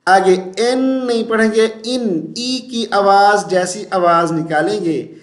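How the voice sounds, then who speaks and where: A man teaching Quran recitation with tajweed, chanting verses slowly and melodically, then explaining pronunciation mistakes in brisk spoken asides. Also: high voice, roomy sound.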